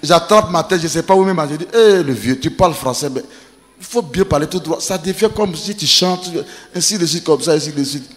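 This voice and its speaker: A man preaching, telling funny family stories with laughter and animated delivery. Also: a little high, a little fast, in a large hall. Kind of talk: humorous sermon storytelling.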